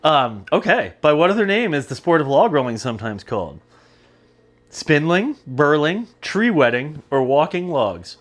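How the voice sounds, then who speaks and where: A man's voice: a little high, sing-song, normal speed. A man co-hosting a casual livestream trivia game, wisecracking and swearing lightly. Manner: joking, wisecracking, mild swearing. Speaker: trivia co-host.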